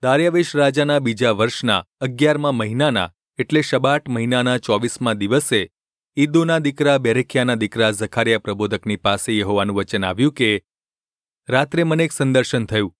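A man giving a measured, even scripted reading of scripture. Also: mid-range voice, dry recording, clean studio sound. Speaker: Bible reader.

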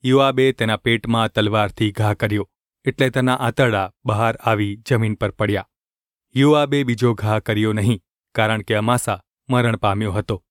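A man reading scripture in a steady, measured narration. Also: on the low side, no room sound, clean studio sound. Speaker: scripture reader.

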